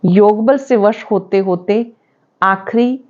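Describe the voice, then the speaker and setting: A woman giving a devotional lesson as a spiritual teacher, explaining scripture in a steady preaching manner with rhetorical questions. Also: mid-range voice, takes it slowly, muffled recording.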